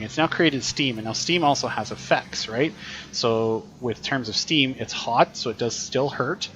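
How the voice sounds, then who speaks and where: A man talking through a video game as a teacher, chatty and explanatory, thinking aloud as he plays. His voice sits in a middle pitch, with faint room noise behind him. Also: fairly bright tone. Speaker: teacher streaming gameplay. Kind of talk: casual gameplay commentary.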